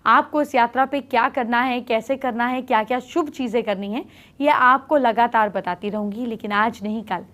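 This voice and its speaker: A middle-aged woman hosting an astrology show, briskly giving horoscope remedies and speaking straight to viewers. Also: on the high side, fairly bright tone. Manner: brisk, instructive, addresses viewers directly.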